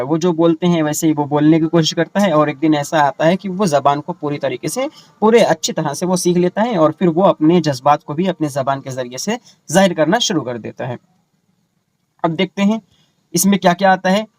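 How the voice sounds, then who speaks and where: A man teaching an online exam-prep lesson. He explains terms slowly, repeats them with English equivalents and asks the students rhetorical questions. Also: a little high, no room sound.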